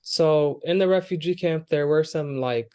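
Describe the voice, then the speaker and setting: He's a young Kenyan-born Air Force airman of Somali family, appearing as an interview guest with a slightly high, warm, smooth voice at a normal speed. He answers earnestly and conversationally, often using fillers and restarting.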